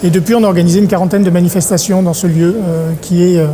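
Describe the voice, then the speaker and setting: A middle-aged man from Paris, an event organizer talking in an interview, pausing often on filler sounds. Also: high voice, steady tone, dark tone. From Paris, France. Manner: hesitant, many filler sounds. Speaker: congress organizer. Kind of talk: interview monologue.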